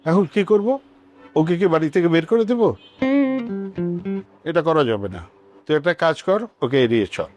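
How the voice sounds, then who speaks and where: A man's voice: fairly high pitch, sing-song, normal speed, long pauses, a little mellow, faint music behind. An actor playing an easygoing, middle-aged father who placates his wife and daughter. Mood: placating. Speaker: father and husband. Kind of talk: TV drama acting.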